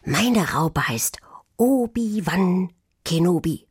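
A woman voicing a grumpy know-it-all schoolboy in a children's audio story, grumbling and hushed. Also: lowish voice, measured pace, vocal fry, husky, no room sound, clean studio sound, heavily acted.

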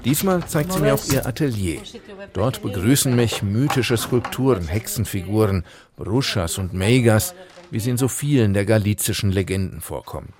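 A man narrating a documentary in the first person as reporter, calm and reflective. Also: lowish voice, normal speed, a crowd in the background.

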